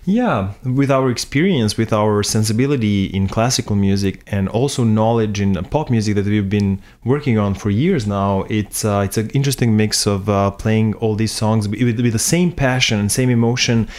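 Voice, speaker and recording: A man from Serbia with a Serbian accent, chatting in measured, hesitant phrases as a musician guest in a living room interview. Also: lowish voice, a little mellow. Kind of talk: casual interview chat.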